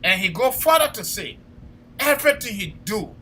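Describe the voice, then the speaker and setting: Husky yet high-pitched, this man's sing-song voice has a sharp edge and moves at normal speed. He co-hosts a political talk show, and with his Liberian accent he exhorts listeners through repeated phrases in emphatic, impassioned commentary.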